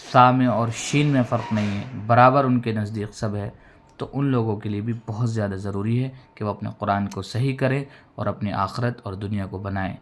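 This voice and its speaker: Man, reading teacher, mid-pitched voice, slow drawn-out syllables, patient explanations. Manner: spells out syllables slowly, drawing out the vowels. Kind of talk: recorded reading lesson.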